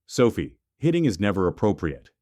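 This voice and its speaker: A man reading the part of a calm, fair school principal who explains things gently. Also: lowish voice, a little fast, no room sound, clean studio sound. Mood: gentle.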